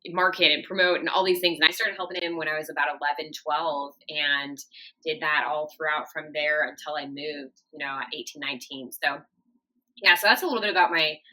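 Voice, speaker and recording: Guest: woman, 30s, from Japan, low voice, bright tone, chatty storyteller. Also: steady tone, brisk, poor audio. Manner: chatty, warm storytelling with frequent fillers. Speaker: podcast guest. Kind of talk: casual interview talk.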